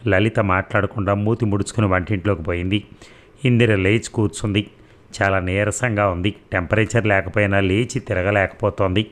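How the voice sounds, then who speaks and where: A man with a fairly low voice reads a novel aloud as scripted narration. His storytelling is steady and even throughout. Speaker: audiobook narrator.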